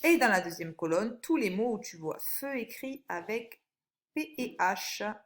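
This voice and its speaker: A woman, a primary school teacher, giving a recorded phonics lesson for young children, with slow, clear and encouraging instructions. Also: mid-range voice, expressive. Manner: stretches out single words when reading them aloud.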